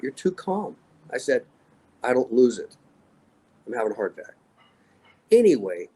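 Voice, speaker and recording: A man's voice: medium pitch, darkish tone, poor audio. Emphatic older man in his sixties. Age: 60s. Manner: emphatic short punchy declarations. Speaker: interview guest, extreme athlete. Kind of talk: motivational storytelling.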